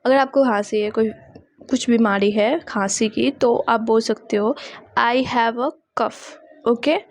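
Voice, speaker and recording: A young woman teaching spoken English, mixing Hindi explanation with slow, carefully repeated English example sentences. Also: fairly high pitch, steady tone, no echo, clean studio sound.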